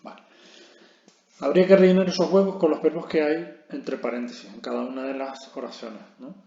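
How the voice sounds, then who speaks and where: A man with a gravelly edge to his mid-pitched voice walks through a recorded lesson one step at a time. He keeps checking in with the learners as he explains. The sound is dull and lo-fi, with a roomy echo around him. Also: fairly even intonation, fairly quick, warm tone. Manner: explains step by step, constant "¿vale?" check-ins. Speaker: English teacher.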